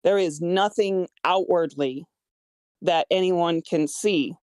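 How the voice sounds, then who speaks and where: This woman's lowish, darkish voice moves slowly and sounds clean, with echo-free studio quality. Discussing her own script in a relaxed feedback conversation, the screenwriter stammers a lot and hesitates as she explains her choices.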